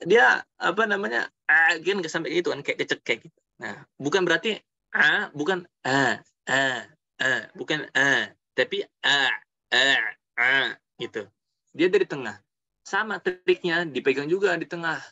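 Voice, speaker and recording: A man teaches Quran pronunciation over a webinar, chatting casually and repeating each letter sound so listeners can copy it. His voice sits a bit high. The audio is dry and slightly muffled, like a computer mic. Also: expressive, normal speed, pushed and bright, no room sound. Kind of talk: webinar lesson on tajwid pronunciation.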